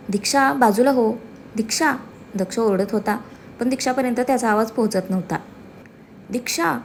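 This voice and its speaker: A woman reading a serialized story aloud as narrator, lifting her delivery for the characters' lines. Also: darkish tone. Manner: voices characters' quoted lines with raised pitch and emphasis. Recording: faint background noise.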